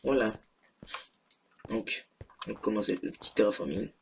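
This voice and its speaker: A young man with a lowish, creaky voice hosts an unscripted gaming video. He talks casually and hesitantly, rambling and trailing off mid-phrase. His headset recording is noisy, with keyboard typing and clicking audible behind him. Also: expressive, normal speed. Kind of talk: casual unscripted let's play commentary. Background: keyboard typing noise and clicks.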